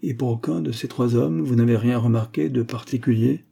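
A man voicing a calm, sure detective. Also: medium pitch, fairly quick, gravelly, slightly rough. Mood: assured. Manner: assured, explaining steadily. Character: calm, confident male detective, sharp-minded. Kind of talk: audiobook character reading.

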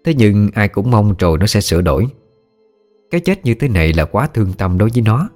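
Deep-voiced storyteller. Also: male voice, brisk, faint music behind. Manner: steady, plain storytelling. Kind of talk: ghost story narration.

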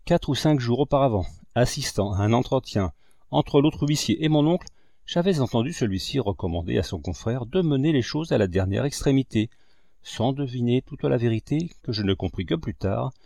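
A man narrating a novel as an audiobook, in an expressive, dramatic storytelling voice. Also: mid-range voice, no room sound, clean studio sound. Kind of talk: audiobook reading.

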